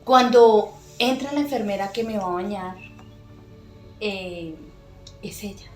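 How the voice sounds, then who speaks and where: A middle-aged woman giving an earnest, emotional personal faith testimony as a podcast guest, pausing often with soft fillers. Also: medium pitch. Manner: earnest, emotional storytelling with many pauses and fillers. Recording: echoey room with faint music.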